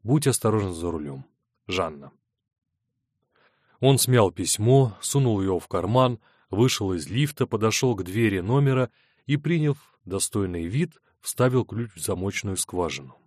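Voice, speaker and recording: Reading scripted narration for an audiobook, a man with a lowish voice tells the story in an even, measured way. The sound is studio quality and free of echo.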